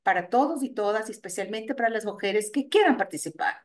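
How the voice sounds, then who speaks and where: A middle-aged woman, speaking as a radio interview guest. She explains things at length, pausing and restarting as she searches for words. Her voice sits at an ordinary middle pitch. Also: lively intonation. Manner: thoughtful, many hesitations and restarts. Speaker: guest, NGO executive director.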